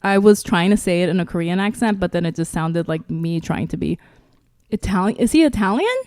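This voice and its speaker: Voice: mid-range voice, a little fast, a little mellow, no echo, clean studio sound. Chatty rambling podcast co-host. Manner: chatty and rambling, with many fillers and self-interruptions. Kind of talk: casual podcast chat.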